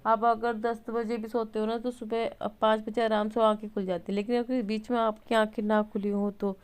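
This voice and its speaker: Chatty woman with a smooth, clear voice. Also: on the high side, little pitch movement, moderate pace. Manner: chatty, rambling, frequent fillers and self-corrections. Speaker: vlogger and mother. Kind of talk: casual home vlog chat. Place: home, indoors at night.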